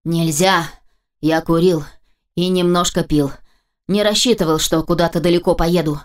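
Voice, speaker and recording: A woman voicing a reckless, cheerful male getaway driver who talks low and stubborn in an audiobook. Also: steady tone, moderate pace, close to an everyday voice. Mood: gruff.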